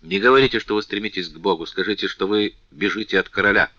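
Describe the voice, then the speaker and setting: A man's voice: on the low side, fast, no echo, lo-fi sound. A man voicing an impassioned young king. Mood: raging, pleading. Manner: impassioned, loud outbursts. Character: young king, passionate, imperious, vengeful. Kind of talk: audiobook character reading.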